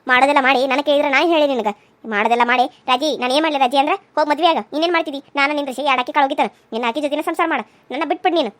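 A woman's voice: high-pitched, rapid-fire, a bit bright. A woman playing a betrayed young wife. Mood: bitter. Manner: bitter, grieving. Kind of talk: cartoon voice acting.

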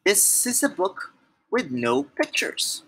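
A man's voice: high voice, wildly swooping pitch, slow pace, vocal fry, sharp tone. A man reading a storybook aloud to children, playful and exaggerated, talking straight to the child listening. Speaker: children's book reader.

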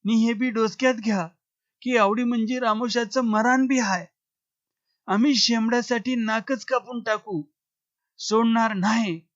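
A man's voice: very high voice, steady tone, measured pace, fairly bright tone, dry recording, lo-fi sound, pitched above the performer's own voice. A man voicing a stern, threatening male village headman in a storybook reading, with a raised, commanding delivery.

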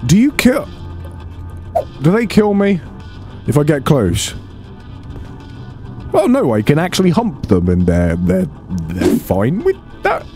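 Animated man swearing at a game. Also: fairly high pitch, slow, long pauses, faint music behind. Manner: swears freely, talks to game characters, bursts of exasperation. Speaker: let's play host. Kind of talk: casual gameplay commentary.

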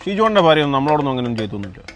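An actor playing a young bachelor whose marriage proposals keep falling through, in a comic short film, with rapid, dramatic complaining. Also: male voice, medium pitch, big pitch swings, fairly bright tone.

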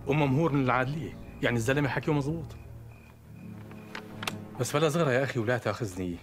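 An actor playing a measured middle-aged sheikh who speaks calmly and admonishingly, with a Damascene accent. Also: male voice, medium pitch, natural voice. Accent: Damascene Arabic. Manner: calm, admonishing. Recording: music underneath.

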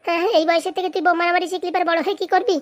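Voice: very high voice, flat delivery, rapid-fire. A voice actor playing a worried village mother who pleads and frets over her son. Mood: pleading. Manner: anxious, pleading. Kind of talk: comic cartoon voice acting.

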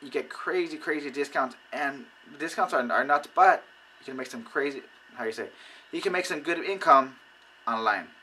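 A man giving casual how-to advice on recruiting people, animated and acting out conversations. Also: mid-range voice, moderate pace, a little hiss or hum, rough recording. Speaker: network marketing recruiter. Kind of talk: casual how-to video talk.

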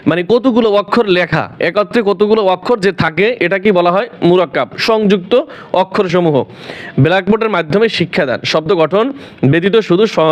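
A man teaching Quran reading at home, calling out Arabic letters one by one and patiently explaining each. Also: high-pitched.

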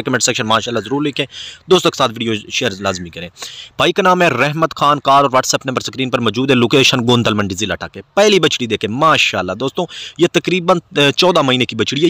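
A man, hosting a channel and giving a repetitive, salesman-like voice-over pitch for livestock. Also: bright, forceful tone, no room sound. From Pakistan. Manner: salesman-like, repetitive, addresses viewers as friends. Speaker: channel host selling cattle.

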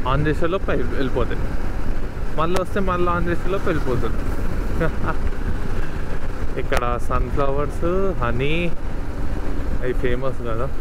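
A man's voice: mid-range voice, noisy background. A man narrating his motorcycle travel vlog in a casual, chatty way, with parts recorded afterwards as voice-over. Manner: chatty, often starts sentences with "so". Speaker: motorcycle vlogger.

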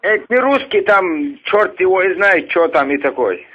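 A man from Dagestan with a Dagestani accent, calling in with halting, hesitant, naive questions. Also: sits high, animated, breathy edge. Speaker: caller. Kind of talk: phone call. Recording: tinny narrow-band phone line.

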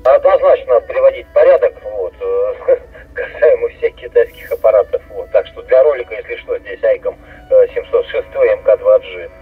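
A man's voice: medium pitch, lively intonation, moderate pace, slightly rough, narrow, tinny audio, soft background music. A man heard over a CB car radio, answering a radio check with short, casual replies. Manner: terse, casual radio talk. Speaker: radio operator answering a call. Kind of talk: brief radio exchange. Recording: distant voice from a radio speaker.

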